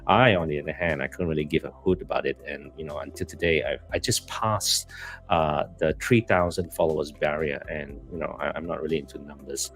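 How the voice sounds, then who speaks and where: Deep, gravelly Malaysian man chatting live. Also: fairly even intonation, fairly quick, fairly bright tone, soft background music. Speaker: co-host of a live stream. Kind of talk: casual live chat.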